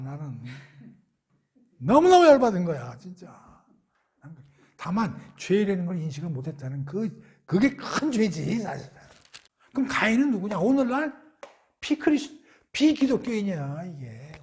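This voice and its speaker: A man's voice: high-pitched, darkish tone, slightly rough. A man giving a Bible study lecture, asking rhetorical questions and answering them himself in a conversational way. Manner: conversational, acts out quotes.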